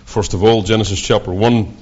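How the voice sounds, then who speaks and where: Man, broad Scottish accent, lowish pitch, preacher giving a sermon, deliberate halting delivery, muffled lo-fi recording. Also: steady tone, darkish tone, breathy edge. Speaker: visiting preacher. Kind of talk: sermon with scripture readings. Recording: dull, lo-fi sound.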